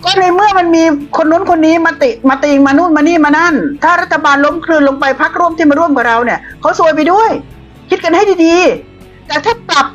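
A woman's voice: very high-pitched, brisk. A woman giving a blunt, combative political commentary monologue, scolding her opponents. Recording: dull lo-fi audio with faint music.

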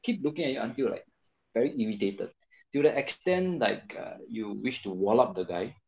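A man tells his story in a gravelly voice that rises and falls a lot. He stops and restarts often and fills gaps with fillers. The video call audio sounds dull and lo-fi. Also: mid-range voice, lively intonation, darkish tone. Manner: halting, many fillers and restarts. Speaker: guest storyteller. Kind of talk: casual chat on a video call.

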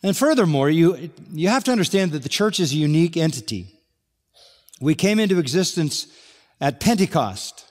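With big swings in pitch and a fairly high, darkish voice, an older man preaches an expository sermon at normal speed. He earnestly reads scripture and stresses key ideas as a pastor, and the large hall adds a long reverb.

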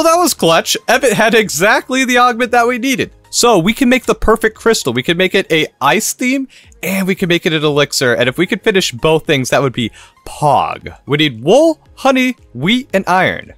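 A man's voice: a little high, a bit bright, no echo. A man from Kentucky giving upbeat, jokey gameplay commentary, laughing often. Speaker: gaming YouTuber.

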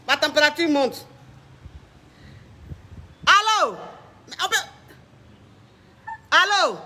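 Man, flamboyant comic coach, bossy call-in host, very high voice, sharp bright tone. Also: animated, very slow. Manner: flamboyant, bossy, mixes broken English with French. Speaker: self-styled coach hosting a call-in.

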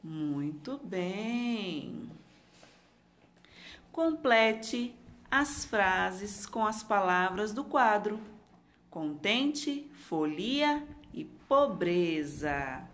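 Animated Brazilian woman teaching slowly. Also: medium pitch. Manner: instructive, asks questions and answers them. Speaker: primary school teacher. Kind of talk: lesson for young children.

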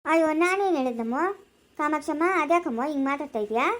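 A woman playing a kindly old village grandmother who comforts a young woman, repeating soft words of consolation. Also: high voice, fast, natural voice. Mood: consoling.

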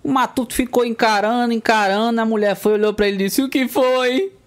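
A man's voice: quick pace, smooth. A male comedian from Northeast Brazil telling a run of jokes about country folk, jumping into character voices for the punchlines. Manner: lively storyteller, jumps into squeaky character voices. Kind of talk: joke telling.

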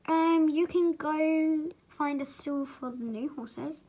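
A woman's voice: high-pitched, takes it slowly, mellow. [name], a girl voicing a patient stable owner. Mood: calm. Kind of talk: toy horse movie voice-over.

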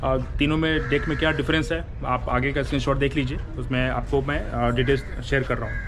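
A man's voice: medium pitch, little pitch movement, a little fast, over music. A man in his forties, a travel vlogger, explaining a ferry trip step by step, filmed outdoors on a camera held at arm's length. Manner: explains step by step, mixes in English phrases. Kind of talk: casual travel vlog narration. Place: outdoor ferry terminal and car deck.

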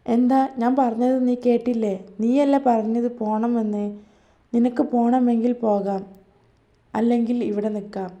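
A woman's voice: on the high side, steady tone, normal speed, warm tone, dull audio, close to an everyday voice. A woman playing a harsh, cold young husband. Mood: scolding. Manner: curt, scolding.

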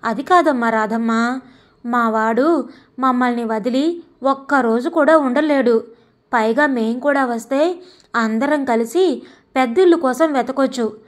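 A gentle, humble elderly father from a spoken story, voiced by a woman reader. He talks slowly and softly, in a rather high voice. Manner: soft, humble, slow.

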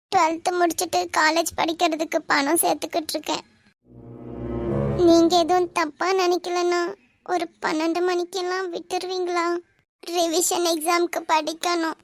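A shy, poor teenage schoolgirl in a cartoon, hard of hearing, with a very high, thin voice that has a gravelly edge. She speaks hesitantly and pleadingly in a Kanyakumari Tamil accent, on a close, dry recording. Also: no echo. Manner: hesitant, pleading, quick to tears. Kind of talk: animated cartoon dialogue.

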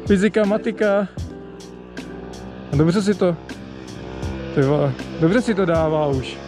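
A man vlogging outdoors on an industrial lot, chatting casually in slangy speech about riding. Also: sits high. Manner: slangy, relaxed, laughs often. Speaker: motovlogger. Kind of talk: casual motovlog chat. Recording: loud music laid over voice.

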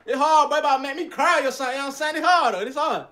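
A young man reacts to amateur rap songs as a guest on a video call from an indoor room. His very high-pitched voice races along, animated and slangy, in rowdy casual chat with plenty of swearing.

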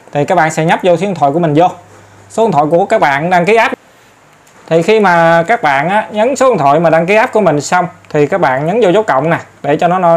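Chatty man, slightly high. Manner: chatty, repeats filler words, addresses viewers often. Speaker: tutorial host. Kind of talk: casual step-by-step phone tutorial. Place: in front of an ATM for part.

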